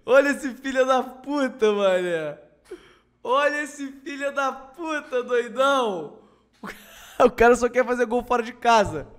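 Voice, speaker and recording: A man's voice: extremely high pitch, lively intonation, slow, fairly bright tone. A young man with a Rio de Janeiro Brazilian accent in casual comic commentary, breaking into hysterical laughing fits as he talks. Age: young adult. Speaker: streamer. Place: small indoor home room. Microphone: desk microphone with headset.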